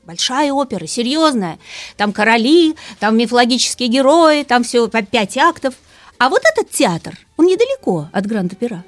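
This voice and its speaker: A woman guest speaking as a music expert, explaining things lively and asking rhetorical questions. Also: a little high, normal speed, no room sound. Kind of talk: radio talk about opera.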